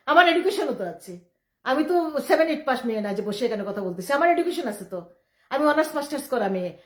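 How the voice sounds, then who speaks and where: Woman, middle-aged, emphatic live-stream monologue, echoey room at home. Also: high voice. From Bangladesh. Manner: emphatic, quick and defiant, with many restarts. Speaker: livestreamer.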